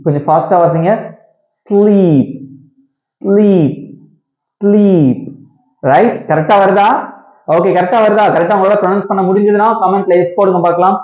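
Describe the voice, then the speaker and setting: A man leads a pronunciation lesson in a mellow, slightly raised voice, repeating each sound for his learners and checking in with "okay?" and "right?". The room is roomy and echoey, and the recording sounds dull and lo-fi. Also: sits high, steady tone, fast talker. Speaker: English pronunciation teacher. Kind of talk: classroom-style pronunciation lesson.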